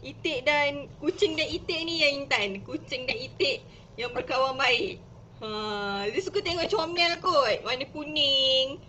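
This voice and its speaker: A woman teacher with a Malaysian Malay accent giving casual live-stream tips, chatty and explaining step by step with lively emphasis. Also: high voice, a little slow, a little hiss or hum.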